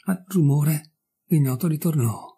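Husky-voiced man reading a story. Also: fairly high pitch. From Italy. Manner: measured, expressive. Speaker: audiobook narrator. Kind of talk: dramatic literary reading.

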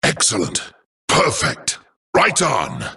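A man voicing a small, plucky, self-assured robotic secret agent in a video game, raspy, speaking in short clipped catchphrases. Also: medium pitch, wildly swooping pitch, takes it slowly, pushed and bright, distant mic, exaggerated voice. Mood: confident, upbeat. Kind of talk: video game character barks.

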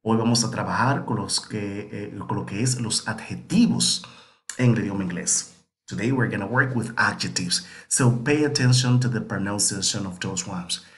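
A man teaching English adjectives, saying each word twice, slowly and clearly. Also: lowish voice, echoey room. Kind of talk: bilingual pronunciation lesson.

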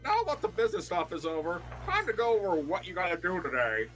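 A man's voice: high voice, big pitch swings, fast talker, fairly bright tone, faint music behind, rough recording. A young man voicing a breezy male pizzeria manager, cheerfully reading game dialogue aloud.

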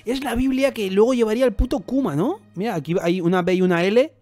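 A man with a Spain Spanish accent reacting to an anime episode in casual commentary, excitable and swearing freely. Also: sits high, fast, no echo.

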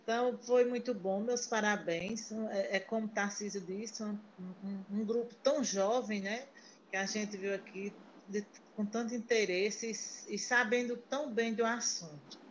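A woman's voice: mid-range voice, unhurried, a little hiss or hum. A woman from Paraíba, chatting in a video call meeting and telling stories with many restarts. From Paraíba, Brazil. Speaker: meeting participant. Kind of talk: casual chat on a video call. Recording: muffled video call audio.

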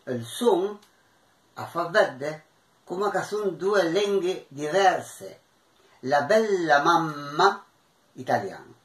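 A man from Argentina teaching a language class, who repeats example phrases slowly and mixes languages as he explains. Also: fairly high pitch, sing-song. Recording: echoey room, distant from mic.

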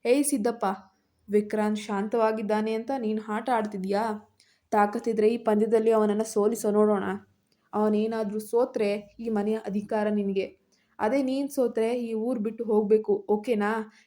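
A woman's voice: medium pitch, little pitch movement, normal speed, dark tone, natural voice. A woman doing a fierce, bold young bride. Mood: defiant. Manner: bold, scolding.

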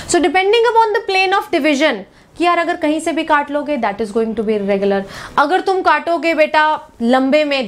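A young woman with an Indian accent teaches biology in a live online class, mixing Hindi and English. Her voice sits high, and she talks at an unhurried, deliberate pace. She keeps calling the students "beta" and firing questions at them. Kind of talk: live online exam-prep lesson.

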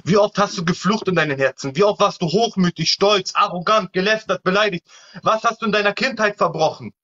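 A man's voice: high-pitched, fairly quick, sharp tone. A man preaching in a heated live-stream debate, admonishing and repeating fire-and-brimstone warnings. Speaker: online evangelist. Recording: muffled lo-fi live-stream audio.

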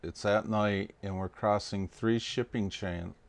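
A man's voice: fairly low pitch, steady tone, unhurried, vocal fry. A middle-aged man, a boat captain, speaking matter-of-factly in a documentary interview. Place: small equipment room, indoors.

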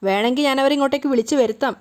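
A woman voicing a smooth-talking, scheming middle-aged man who lies persuasively. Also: high-pitched, rapid-fire, close to an everyday voice.

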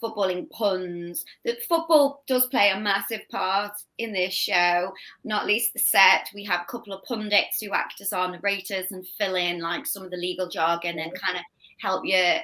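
Over a video call from her home, a young Scouse woman from Liverpool, an actress, talks casually about her role in an interview. She speaks at medium pitch in a steady, pushed, bright tone, chatty with laughing asides and quick restarts. The audio is poor.

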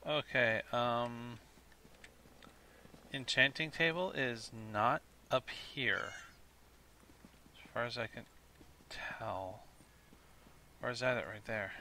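A tired let's play host chatting casually over gameplay, self-mocking and thinking aloud. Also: male voice, mid-range voice, slow, long pauses, sharp tone, slight background noise.

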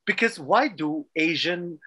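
Singaporean guy on a chat panel, bright lively voice, laughs a lot. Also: a little high, measured pace, husky. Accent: Singaporean English. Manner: animated, laughs often, does mock accents. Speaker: panel co-host. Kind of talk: casual chat.

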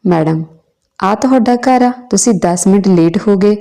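A woman's voice: medium pitch, normal speed, warm tone, close to an everyday voice. A woman voicing a stern female village schoolteacher who scolds late pupils. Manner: bossy, commanding questions.

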